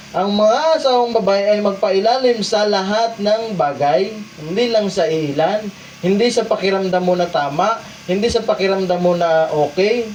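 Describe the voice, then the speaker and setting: A man from the Philippines preaching a sermon, asking the congregation rhetorical questions and swinging between loud emphasis and quiet asides. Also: high-pitched, recorded from a distance, slight background noise, low-quality recording. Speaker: pastor. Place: church hall.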